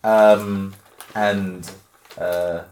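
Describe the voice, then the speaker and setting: A man narrating a tabletop game as game master, relaxed and hesitant with many fillers. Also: deep voice, extremely slow, a little hiss or hum. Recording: roomy recording with music behind.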